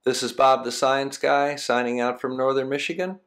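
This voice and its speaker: A man's voice: medium pitch, steady tone, normal speed, a bit bright. A man hosting a science video with explanatory, scripted documentary narration.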